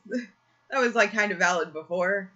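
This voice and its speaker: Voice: mid-range voice, normal speed, pushed and bright, highs cut off. Chatty host with a strained voice. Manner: rambling, self-correcting. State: slightly strained, irritated throat. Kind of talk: casual chat. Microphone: own computer mic, live video call.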